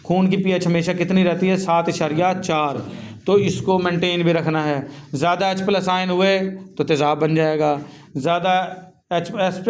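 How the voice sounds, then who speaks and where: A man with a slightly raised pitch gives a classroom lecture. He reads English sentences slowly, then explains them in a tinged way of speaking. He keeps addressing his students as "beta" and answers his own questions. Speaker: teacher.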